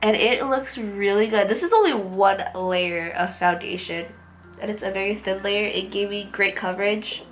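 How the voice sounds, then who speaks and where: Speaking at a normal speed in a mid-range voice, a woman in her twenties enthusiastically gushes through a casual makeup review for her beauty vlog. She's getting over a cold, which leaves her sounding nasal and congested. She's indoors in a small room at home, and background music plays.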